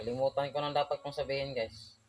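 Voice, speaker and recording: A man's voice: medium pitch, little pitch movement, quick pace. A young Filipino man from outside Manila, an electrician chatting casually through a job-site tutorial and saying "guys" constantly. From Philippines, outside Manila. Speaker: electrician vlogger.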